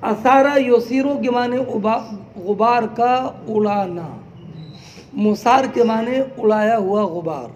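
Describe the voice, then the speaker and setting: A man teaching a class, explaining slowly term by term, asking his students question after question and calling them "beta". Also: sits high, a little mellow, soft background music. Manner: quizzes students with repeated questions; addresses listeners as "beta". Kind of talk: classroom lecture.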